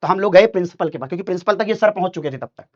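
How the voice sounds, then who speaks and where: A man's voice: sits high, rapid-fire. Man telling a school story with drama. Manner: animated, dramatic storytelling with acted quotes. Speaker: teacher. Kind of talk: storytelling to students. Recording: dull lo-fi sound.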